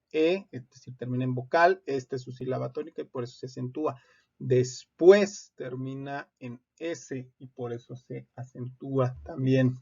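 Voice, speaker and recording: A man with a gravelly, creaky voice walks through rules as an instructor. He explains steadily and often pauses on "eh". The recording sounds dull and lo-fi. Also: mid-range voice. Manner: explanatory, steady, many "eh" fillers. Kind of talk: recorded legal-writing lesson.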